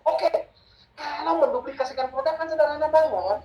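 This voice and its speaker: A man with a high voice who coaches on business as a mentor. He talks emphatically and keeps repeating his key phrases. The room around him is echoey. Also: fairly quick, lo-fi sound. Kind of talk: sales coaching talk.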